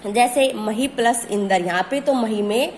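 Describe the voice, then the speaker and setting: Woman teacher, fairly high voice, asks and answers her own questions, drawn-out key words, faint background hiss. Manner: asks questions then answers them herself. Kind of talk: grammar lesson.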